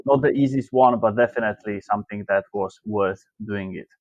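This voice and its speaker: A man's voice: on the low side, fairly quick, no room sound. Man, dry, muffled call audio. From Slovakia. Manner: loose, filler-heavy phrasing. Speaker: guest, marketing coach. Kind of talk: interview answers.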